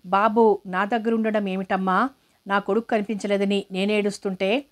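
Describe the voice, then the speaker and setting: A woman's voice: mid-range voice, little pitch movement, moderate pace, close to an everyday voice. A woman reading the lines of a stubborn, defensive poor village man in a storybook reading.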